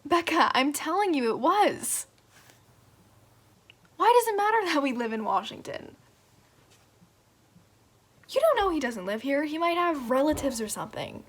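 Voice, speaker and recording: A gossipy young woman, played by an actress, spills her news down the phone in a fairly high voice. She delivers everything with breathless, dramatic flair. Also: expressive, unhurried, long pauses, breathy edge, heavily acted. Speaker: student actor. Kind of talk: stage monologue on a phone call.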